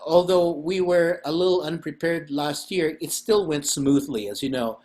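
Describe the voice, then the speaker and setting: This podcast host and festival organizer from the Philippines has a somewhat high, darkish-toned voice and talks at a moderate pace. He rambles chattily in casual conversation, laughing frequently.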